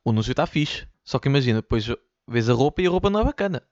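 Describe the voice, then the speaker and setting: Fast-talking, swearing Lisbon podcaster man. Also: medium pitch, animated, a little mellow, no room sound, dull audio. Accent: European Portuguese, Lisbon slang. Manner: rambling, swears a lot, slangy and joking. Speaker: podcast host. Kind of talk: casual solo podcast rant. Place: his bedroom. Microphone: studio mic, sometimes off-axis.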